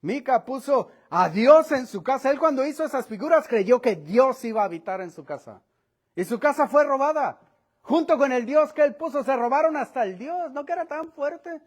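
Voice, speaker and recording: A male pastor delivers an earnest sermon. His voice sits fairly high, and he reads scripture aloud before explaining it. Phrase endings often sink low and quiet. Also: animated, normal speed.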